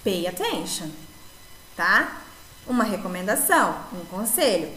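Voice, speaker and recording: A woman teaching an English grammar lesson in Brazilian Portuguese, explaining slowly and repeating points with a checking "tá?". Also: medium pitch, very animated, sharp tone, roomy sound, rough recording. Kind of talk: recorded video lesson.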